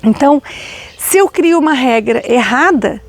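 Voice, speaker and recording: Gravelly, husky-voiced woman telling a story. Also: high voice, expressive, measured pace. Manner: emotional, earnest, addresses listeners directly. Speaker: spiritual teacher. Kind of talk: personal storytelling to an audience.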